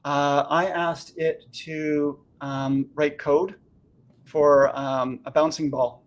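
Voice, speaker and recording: A man hosting a real estate chat show, enthusiastic and quick with praise. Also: on the high side, level tone. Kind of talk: casual chat.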